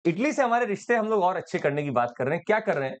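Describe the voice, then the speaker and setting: A male exam-prep teacher lecturing in a chatty, lively style, joking and slipping in English phrases. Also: high-pitched, rapid-fire.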